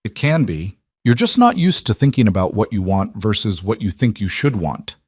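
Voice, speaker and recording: A man voicing a steady single dad who speaks calmly and reassuringly in a storybook narration. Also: on the low side, moderate pace, slightly rough, no room sound, clean studio sound.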